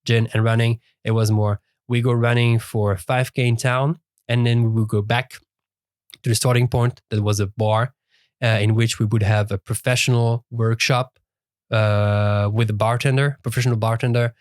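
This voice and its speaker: A man co-hosting a podcast in casual chat, speaking haltingly with many fillers and restarts. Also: medium pitch, flat delivery, clean tone, no room sound, studio quality. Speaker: podcast co-host. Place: dry studio.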